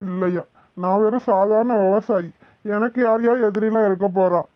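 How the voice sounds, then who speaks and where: A woman's voice: medium pitch, moderate pace, dry recording, lo-fi sound, close to an everyday voice. A woman voicing a grieving old male farmer who pleads tearfully for help finding his daughter. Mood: pleading. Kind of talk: cartoon voice acting.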